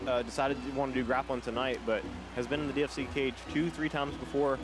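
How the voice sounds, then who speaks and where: A man's voice: mid-range voice, flat delivery, quick pace, poor audio. A man giving analytical, conversational live commentary on a grappling match as a color commentator.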